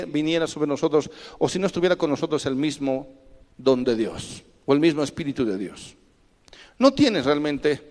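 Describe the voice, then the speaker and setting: A male pastor preaching a sermon with forceful emphasis, leading his congregation to repeat words back to him. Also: on the high side. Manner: emphatic preaching with call-and-response prompts. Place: church. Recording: reverberant church hall.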